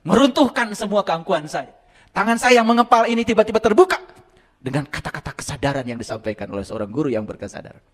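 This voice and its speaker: A middle-aged man preaching to a live audience, telling his own story and swinging between loud exclamations and hushed asides. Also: sits high, very animated, fast talker. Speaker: Islamic teacher.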